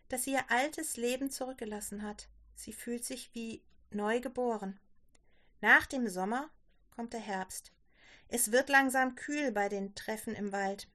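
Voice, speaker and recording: A woman narrating a scripted story in a calm, gentle way. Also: on the high side.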